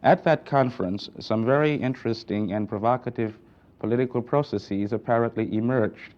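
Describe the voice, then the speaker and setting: A man hosting and moderating a TV interview, introducing guests and asking formal, measured questions. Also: mid-range voice, a little mellow. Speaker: host and moderator. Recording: dull lo-fi 1960s TV audio.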